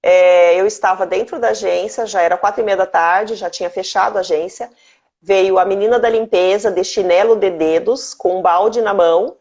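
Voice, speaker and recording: A Brazilian woman of medium pitch hosts a live stream in an earnest tone and pauses to welcome viewers by name. The audio is dull and lo-fi, like a typical stream recording. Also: darkish tone. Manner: earnest, greets viewers by name mid-story. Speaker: host.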